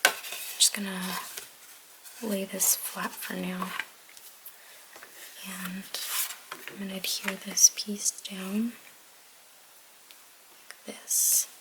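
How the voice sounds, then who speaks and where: A woman whispering slowly through a card-making tutorial at home, hesitant and full of ums as she thinks aloud. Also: medium pitch, little pitch movement, background noise. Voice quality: whispering softly. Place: home crafting desk, baby asleep nearby.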